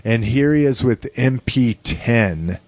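A man's voice: medium pitch, lively intonation, slow, a little mellow, no room sound. A man hosting a casual, informal chat show, talking loosely and with some swearing. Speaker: podcast host. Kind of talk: casual toy news chat.

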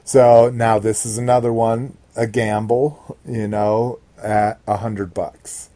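Male hobby podcaster, low and slow, casual, rambling, sweary. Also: flat delivery, warm tone, dry recording. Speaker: podcast host.

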